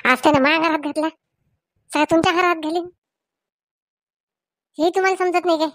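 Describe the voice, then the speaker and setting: A woman playing a loud, quarrelsome village woman, scolding and accusing. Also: extremely high pitch, steady tone, fast, dry recording, clean studio sound. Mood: furious. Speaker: comic skit character.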